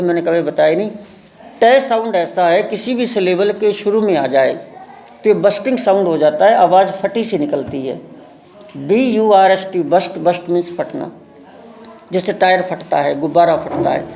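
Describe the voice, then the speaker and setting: A male English teacher giving a live class lesson, reading English lines slowly word by word and explaining pronunciation. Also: high voice, vocal fry, darkish tone. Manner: reads English aloud very slowly, word by word, then explains in Hindi.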